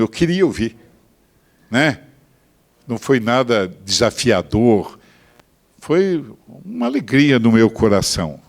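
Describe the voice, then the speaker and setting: Older Brazilian pastor telling a testimony. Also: male voice, mid-range voice. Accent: Brazilian Portuguese. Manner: storytelling, shifts between hushed asides and bursts of loud emphasis. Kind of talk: sermon testimony.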